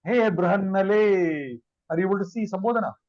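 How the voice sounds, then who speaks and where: A man's voice: high-pitched, a little fast, muffled recording. A man teaching a Sanskrit grammar class online. He explains step by step, checks in constantly with his students, and chuckles now and then.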